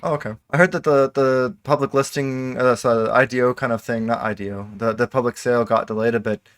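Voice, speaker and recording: A man hosting an interview, asking relaxed, easygoing questions. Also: mid-range voice, a little fast, no room sound. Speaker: interview host.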